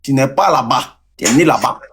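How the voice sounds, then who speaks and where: A man's voice: mid-range voice, animated, a little fast, a bit bright, slight background noise. A man with an Ivorian French accent, interviewing people in the street and pressing them with repeated questions. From Côte d'Ivoire.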